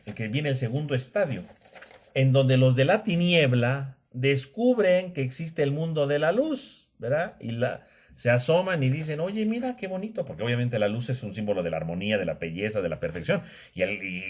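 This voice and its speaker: Conversational man lecturing on theology. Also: medium pitch. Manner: conversational, tag questions, frequent restarts. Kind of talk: casual classroom lecture.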